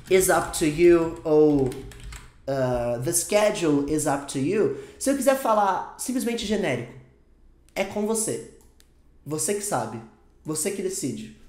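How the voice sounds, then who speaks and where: A man's voice: sits high, reverberant. A man with a Brazilian Portuguese accent teaching an English lesson, emphatic and repeating each point in new words. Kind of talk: explanatory online lesson.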